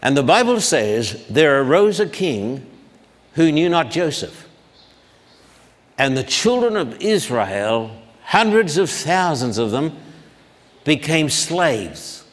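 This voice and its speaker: A man giving a public Bible lecture at a blackboard, talking slowly and deliberately and sounding out long names syllable by syllable. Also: on the high side, sing-song. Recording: long hall reverb.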